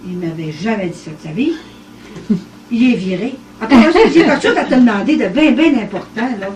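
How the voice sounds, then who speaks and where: An older woman from Quebec, speaking Québécois French in a brisk, fairly high voice, tells a story casually at a private evening gathering in a living room. She is animated, acts out the dialogue, and laughs often. The echoey home cassette recording was made from far off.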